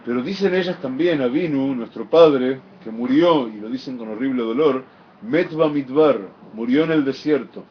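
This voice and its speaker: A man teaching a Torah lesson, explaining Hebrew text with expressive emphasis and chanted phrases. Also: mid-range voice, fairly quick, few pauses, slight background noise. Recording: dull lo-fi recording.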